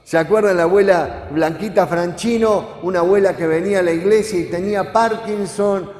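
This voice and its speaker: A man's voice: high voice, moderate pace, darkish tone. A man preaching a sermon, talking conversationally and often asking the congregation questions. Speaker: pastor. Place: church hall. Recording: echoey church hall with long reverb.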